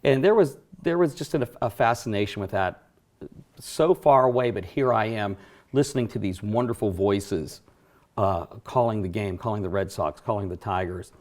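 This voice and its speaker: Speaking at normal speed with a fairly low, slightly mellow voice, this middle-aged man from around Johnstown in western Pennsylvania guests as a racing announcer. He reminisces in relaxed studio conversation, using fillers and correcting himself.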